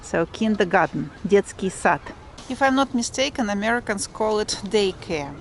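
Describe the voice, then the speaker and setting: A woman with a Russian accent chatting casually for a walk-and-talk vlog, explaining things haltingly as she searches for English words. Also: mid-range voice, expressive, soft background music. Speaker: vlogger. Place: outdoors, walking through a provincial town. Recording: clearly noisy outdoor street ambience, vehicles. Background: urban outdoor noise and vehicles.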